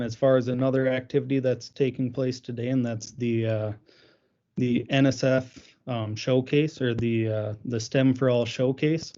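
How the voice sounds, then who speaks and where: A man's voice: mid-range voice, mellow. A man hosting a webinar, giving an informal introduction and handing over to a presenter. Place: remote online call. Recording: dull, band-limited online call audio.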